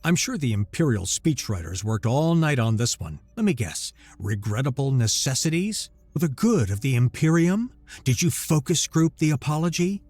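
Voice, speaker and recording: A man's voice: medium pitch, big pitch swings, normal speed, darkish tone, no room sound. A man voicing a bitter, sarcastic single father in a sci-fi story. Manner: sarcastic, biting.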